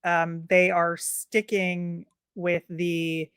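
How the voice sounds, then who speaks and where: A woman's voice: on the low side, level tone, drawn-out words, a bit bright, smooth, no room sound, clean studio sound. A woman co-hosting a sports podcast, chatting casually and thinking aloud with plenty of fillers. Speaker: podcast co-host.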